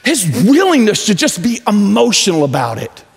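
A pastor in his forties preaching a sermon on a large church stage, pacing as he talks and swinging from loud to low. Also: huge pitch swings, moderate pace, creaky, soft background music. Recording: echoey church hall.

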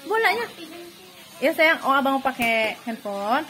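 A woman's voice: sits high, very animated, measured pace, bright, forceful tone, faint music behind. A woman filming children for a family vlog, cooing, cheering and laughing often as she talks to them. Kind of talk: casual family vlog chatter.

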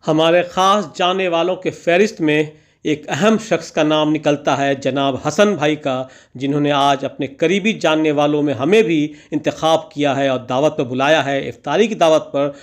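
A man with a slightly high voice reads a scripted voice-over for his vlog at normal speed, using ornate, poetic, and theatrical phrasing.

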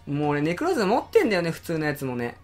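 A man hosting a game channel, giving live commentary with excitable exclaiming reactions and rapid grumbling. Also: on the high side, soft background music.

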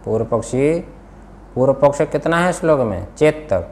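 Indian-accented male teacher, scripture class, asks students questions and repeats key terms; mid pitch. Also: expressive, moderate pace, a little mellow, a little hiss or hum. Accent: Hindi-speaking Indian. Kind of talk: classroom lesson, explaining a text.

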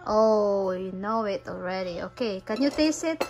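A mother from the Philippines guiding her young child through a taste game at home, with slow, coaxing instructions. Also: medium pitch, lively intonation, a little mellow, slight background noise, rough recording. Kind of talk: homeschool lesson with her child.

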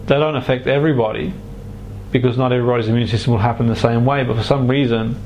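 A man speaking as a hypnotherapist to a client, guiding and explaining in halting, deliberate phrases with pauses. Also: medium pitch, steady tone, darkish tone, slight background noise, low-quality recording. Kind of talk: guided relaxation and explanation to a client.

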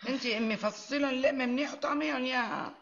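A woman's voice: high voice, very fast, a bit bright, muffled recording. An actress in a Syrian TV drama playing an older, motherly mother-in-law who scolds fondly, with a Damascene accent. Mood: bustling. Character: older kindly mother-in-law, head of household.

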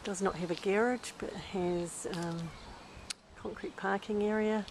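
A woman's voice: mid-range voice, steady tone, a little slow, background noise. A woman with a New Zealand accent walks through an empty rental house on camera, listing its features one by one in a plain, unscripted way. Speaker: rental property agent. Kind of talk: unscripted property walkthrough narration. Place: inside and around a small empty house.

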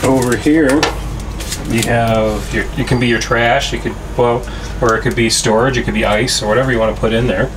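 A man giving a casual, halting, explanatory walk-through from inside a small trailer. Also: medium pitch, fairly even intonation. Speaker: RV vlog host. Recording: noisy small trailer interior, air-conditioning hum.

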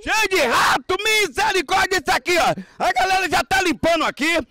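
A man, reporting loudly outdoors at a market site on a handheld mic, excitable and shouting. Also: extremely high pitch, moderate pace, no echo. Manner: excitable, shouting, preacher-like exclamations. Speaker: street reporter and host. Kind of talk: loud street reporting.

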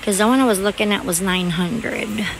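A woman's voice: mid-range voice, moderate pace, a little hiss or hum, rough recording. A woman vlogging as she shops in a large store, chatting to her viewers in a rambling, casual way. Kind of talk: casual chat while shopping.

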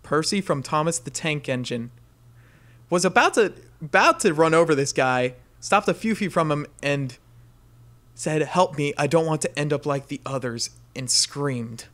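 A man with a slightly high voice tells a story on a casual podcast. He reads a listener's dream with animated delivery and laughs often. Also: moderate pace. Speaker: podcast co-host reading a dream. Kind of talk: casual comedy podcast chat.

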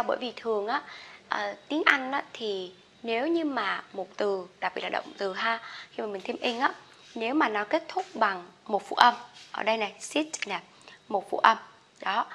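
A woman teaching an English grammar lesson. She explains in a chatty way and reads the example sentences slowly and loudly. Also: a little high.

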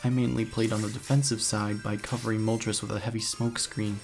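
A man with a lowish, level voice and vocal fry reads the hero's scripted first-person narration fairly quickly. He's a narrator and let's player in a video game playthrough, with background music underneath.

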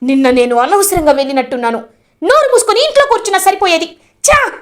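A boastful, scheming young man from a family drama, as a woman narrator puts him on. He talks fast and excitedly, his voice jumping high with gloating pride. The voice sits high and lively. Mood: regretful.

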